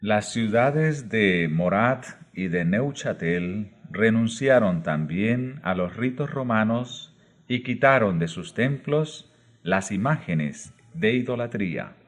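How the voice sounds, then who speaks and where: A man narrating a religious book aloud, reading in slow, measured short phrases. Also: on the low side, animated. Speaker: audiobook narrator.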